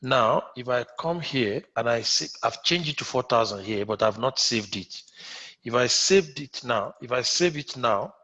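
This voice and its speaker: A man's voice: mid-range voice, animated, moderate pace, bright, forceful tone. A man with a Nigerian accent teaching a live online coding class, repeating himself and often checking whether students follow. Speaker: instructor. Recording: muffled lo-fi audio.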